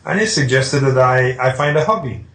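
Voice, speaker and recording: A man's voice: medium pitch, normal speed. A middle-aged man from Switzerland, a painter being interviewed, telling his story with hesitations and restarts. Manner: hesitant, with restarts, recounting calmly. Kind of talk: conversational interview. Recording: echoey room.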